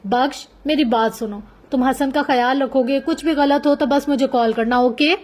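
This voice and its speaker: A woman's voice: sits high, moderate pace, darkish tone, close to an everyday voice. A woman voicing a composed young woman who gives firm orders in a novel reading.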